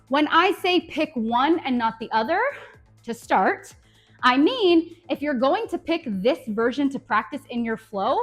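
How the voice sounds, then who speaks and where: A woman's voice: high-pitched, fairly bright tone. A woman teaching a dance tutorial in an upbeat coaching manner, counting beats aloud. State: out of breath at times. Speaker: dance instructor.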